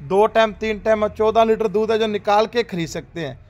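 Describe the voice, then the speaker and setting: A man, hosting a dairy farm video, giving a repetitive, upbeat livestock sales pitch outdoors in a cattle yard, recorded on a handheld phone. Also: brisk. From Rajasthan, India.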